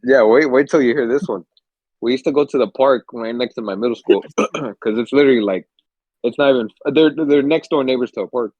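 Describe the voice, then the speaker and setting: A young man co-hosts a podcast, rambling through stories in a laid-back chat and swearing freely, sounding a bit stuffy and under the weather from a cold. His voice is medium-pitched and darkish, and he talks fairly quickly. The lo-fi recording has no room sound.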